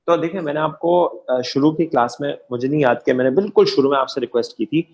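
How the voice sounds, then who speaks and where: A man's voice: a little high, a little mellow, dull audio. A man teaching an Arabic grammar class, patiently repeating examples and checking that his students follow. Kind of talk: lecture.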